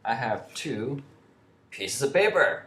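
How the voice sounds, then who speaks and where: Slow and fairly bright, with a mid-range voice that swings widely in pitch, a young adult male vlogger rambles through a profane storytelling rant. He restarts often and uses lots of fillers, recorded in an echoey room with faint ambient noise.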